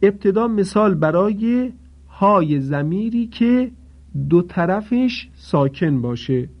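A man gives a methodical, step-by-step recitation lesson, repeating each rule and asking his listeners to pay attention. His voice sits somewhat high for a man. The recording sounds dull and lo-fi. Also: expressive. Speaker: Quran recitation teacher.

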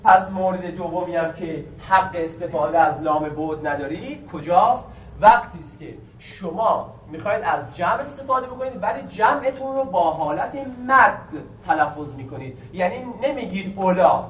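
A man teaching a grammar lesson, quizzing the students with questions and slowly stretching out key words. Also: high voice, a bit bright, distant mic, dull audio, slight background noise. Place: classroom. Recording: echoey room recorded from afar.

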